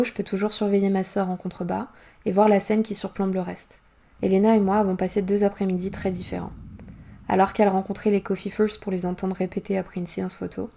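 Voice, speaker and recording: Gravelly-voiced woman reading her novel. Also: medium pitch, mellow. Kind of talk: audiobook reading, first-person narration.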